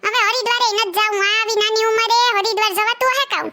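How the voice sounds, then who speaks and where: A penny-pinching young husband, played by a man in a comedy skit, grumbling excuses in a very high, bright voice. He stays defensive and evasive throughout. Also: fairly even intonation, quick pace, slight background noise, full character voice.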